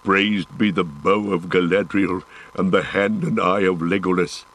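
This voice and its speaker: A man voicing a stout, gruff male dwarf warrior with a hearty, blunt manner, changing the tone of his voice for the part. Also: sits low, steady tone, unhurried, fairly bright tone.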